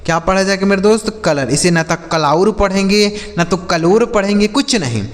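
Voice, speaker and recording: A man teaching English reading who spells words out letter by letter, sounds them slowly, and keeps quizzing his viewers, whom he calls friends. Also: high voice, big-room sound. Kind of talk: spoken phonics lesson.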